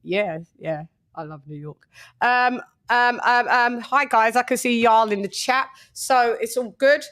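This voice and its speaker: A woman's voice: a little high, measured pace, a bit bright. A British woman hosting a casual boxing live stream, playful and rambling, full of fillers and little sing-song asides. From United Kingdom. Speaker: host.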